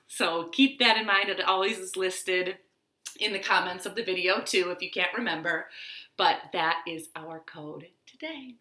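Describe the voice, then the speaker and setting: A library storytime host leads young children through rhymes and read-alouds from her living room, using simple, encouraging phrases. Her mid-range voice is pushed and bright, and the home room sounds roomy and echoey.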